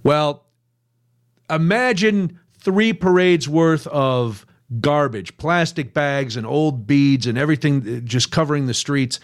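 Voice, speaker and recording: A man's voice: fairly high pitch, slow pace. An older man hosting a radio show, telling self-mocking stories in a casual chat. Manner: animated, self-mocking storyteller. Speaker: radio host.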